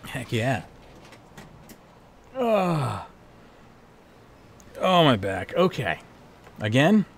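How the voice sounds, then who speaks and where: A man with a hoarse voice, hosting and wrapping up a livestream in a casual, rambling way. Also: lowish voice. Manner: rambling, laid-back. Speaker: livestream host. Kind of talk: casual stream sign-off chat.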